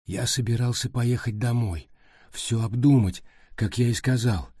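A man voicing a dazed teenage boy, hoarse and apologetic, rambling through his words. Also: medium pitch, measured pace, warm tone, dry recording, clean studio sound. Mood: remorseful.

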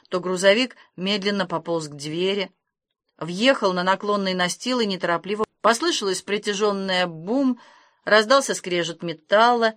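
A woman reading an audiobook aloud, expressive and lively in her storytelling. Her voice sits in a middle range and is recorded close and dry, with no room around it. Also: mid-range voice, no echo. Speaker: narrator. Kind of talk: audiobook narration.

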